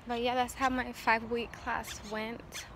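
Higher-voiced young woman vlogging while on the move. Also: level tone, a little slow. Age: young adult. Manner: talking while on the move outdoors, walking or running. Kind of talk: casual chat to camera. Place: outdoors in the open air. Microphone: phone on a selfie stick at arm's length. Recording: noisy outdoor phone recording.

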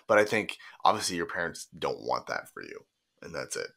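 A man with a very deep yet bright, forceful voice chats casually as a podcast co-host. He talks in an animated way, laughing easily between thoughts. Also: fairly quick, vocal fry. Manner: animated, laughs often, mimics parents in put-on voices. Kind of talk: casual chat.

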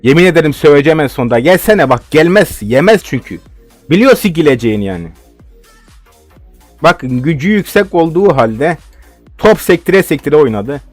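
A man's voice: a little high, big pitch swings, normal speed, dry recording, soft background music. A young man giving live game commentary, ranting and swearing in frustration at his opponents. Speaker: gaming video host.

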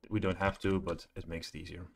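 A man's voice: low voice, little pitch movement, fast, vocal fry, slight background noise. A middle-aged man giving a live coding walkthrough from a home office, thinking aloud and hesitating with many fillers. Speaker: programming tutor.

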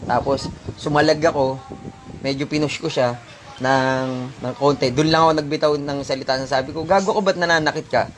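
With a mid-range, fairly bright voice over a bit of hiss or hum, a delivery rider recounts his own experience casually but forcefully, addressing his audience as sir and bro.

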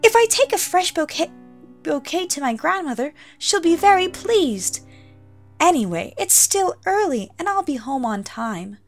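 A woman's voice: extremely high pitch, sing-song, unhurried, soft background music, voice pushed up, full character voice. A woman voicing Little Red Cap, a sweet and trusting little girl, in a childlike storybook reading. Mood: cheerful. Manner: bright, eager and childlike, rising to frightened cries.

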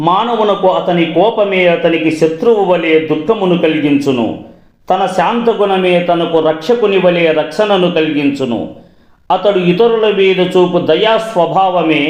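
A man reciting classical verses in a slow melodic chant, then explaining their meaning in a brisker speaking voice. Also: high-pitched, echoey room.

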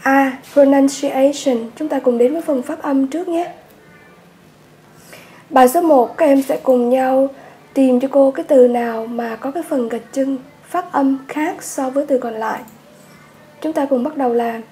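A woman teaching an English workbook lesson with a Vietnamese accent, patiently repeating words slowly for her students. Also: high voice, dark tone.

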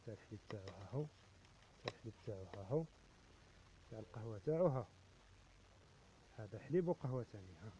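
A man's voice: fairly low pitch, lively intonation, fast talker, pauses often, warm tone, muffled recording, slight background noise. A man with an Algerian Arabic accent showing off coffee sets and cups in his shop, repeating each item and its price in a casual, chatty way. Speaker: shop seller. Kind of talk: casual product showcase.

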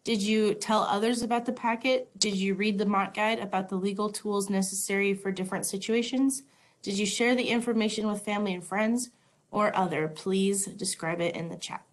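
A woman's voice: medium pitch, steady tone, moderate pace. A woman from Montana, an extension agent, co-hosting an educational webinar over a video call in an upbeat, friendly way with some filler ums. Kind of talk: webinar presenting.

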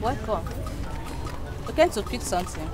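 An actress with a Nigerian accent playing a market customer who dismisses gossip. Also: female voice, medium pitch, sing-song, music in the background, lightly acted. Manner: brisk and dismissive. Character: woman shopping, brushing off gossip.

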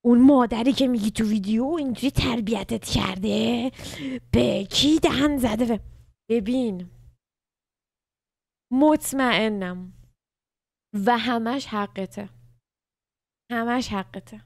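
A woman's voice: fairly high pitch, gravelly, long pauses, darkish tone, dry recording, studio quality. Young woman with blunt, sweary reactions. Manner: blunt, incredulous, swears freely. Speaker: streamer reacting to a video. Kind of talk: casual reaction commentary.

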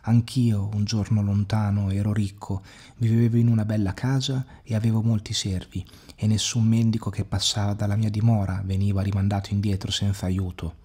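A man's voice: on the low side, flat delivery, moderate pace, mellow, husky. A man voicing an old disguised beggar king. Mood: pleading. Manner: pleading, then cold and commanding.

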